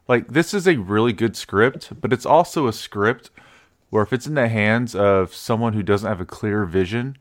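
Low-voiced, easygoing podcast guy. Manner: easygoing, enthusiastic, joking. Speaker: podcast co-host. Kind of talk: casual movie review chat.

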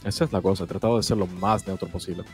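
A man's voice: deep voice, fairly even intonation, very fast, darkish tone, husky. A man chatting casually as a guest co-host of a live stream, laughing a lot and stammering, with faint music in the background. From Italy. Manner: chatty, laughs often, stammers and repeats words.

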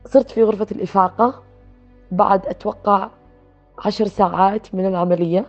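A woman recounting a personal experience in a soft, reflective way, with pauses and restarts. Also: medium pitch, fairly even intonation. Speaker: guest telling her story. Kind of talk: personal storytelling. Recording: dull lo-fi sound with faint music.

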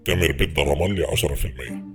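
Very fast, low-voiced shady Egyptian businessman, played by a man. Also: over music. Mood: pushy, wheedling. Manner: insistent, repetitive, over-familiar. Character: pushy, shady businessman client angling for a favour. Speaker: prank caller. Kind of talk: prank phone call.

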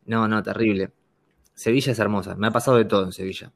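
A man telling anecdotes in a casual chat, animated and laughing often. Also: lowish voice, fast talker.

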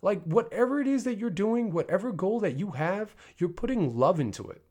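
A man's voice: sits high, lively intonation, a little fast, a little mellow. A man in his thirties talking casually as a podcast host, candid and rambling, with frequent fillers and self-corrections. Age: 30s. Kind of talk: casual personal monologue.

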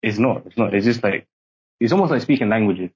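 An animated young podcast guest raised in Singapore talks briskly in a fairly low voice, rambling casually with heavy filler use. His British English code-switches from Singaporean. The muffled lo-fi recording carries a little hiss or hum.

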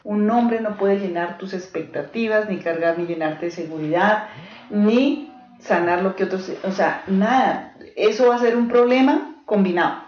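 Her voice is medium-pitched and darkish, and she speaks a little slowly as she teaches a small group in person. Earnest and direct, she shares pastoral case stories and keeps checking in with everyone. Faint hiss and a dull lo-fi quality color the echoey room.

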